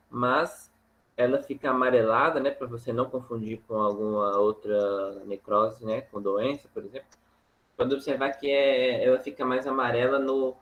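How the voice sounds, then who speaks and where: A man teaching a farming course over slides, talking in a halting way with many fillers and tag questions. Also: medium pitch, rough recording. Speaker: agronomy instructor.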